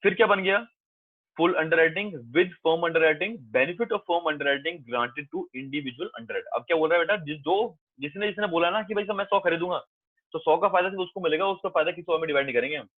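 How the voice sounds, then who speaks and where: Speaking fairly quickly in a fairly high voice, this man teaches commerce to a class, addressing students as "beta" in a gentle, coaxing way. He reassures them and goes over his points again and again, and the audio is dry and tinny, phone-like, with no room sound.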